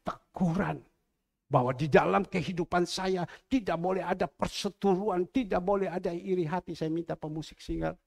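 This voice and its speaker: A middle-aged man preaching a sermon as pastor in a church, moving between loud exhortation and quiet asides. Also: on the high side, vocal fry.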